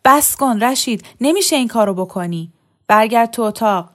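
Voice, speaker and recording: A woman storyteller voicing a young wife who begs and pleads urgently in a high, raised voice. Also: lively intonation. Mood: pleading.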